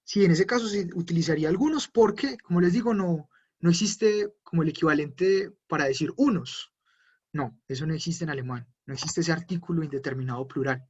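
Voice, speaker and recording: A man with a fairly high, husky voice teaches a live online language lesson. He explains each point patiently and takes viewers' questions as they come in. The sound is dull and lo-fi, as from a computer mic. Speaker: German teacher.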